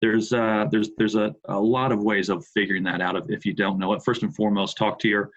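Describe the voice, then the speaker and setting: On a muffled recording, a podcast guest speaks briskly and flatly in a voice on the low side. He is a middle-aged man from Indianapolis in the American Midwest, chatting casually in an interview and repeating words when beginning his thoughts.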